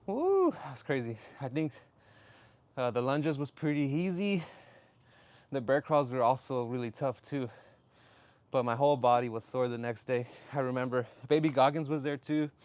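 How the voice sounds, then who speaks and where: A man's voice: medium pitch, animated, normal speed. A man chatting casually on a workout livestream in a slangy, upbeat way. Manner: upbeat shout-outs to viewers, slangy. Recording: clearly noisy live stream with clicks.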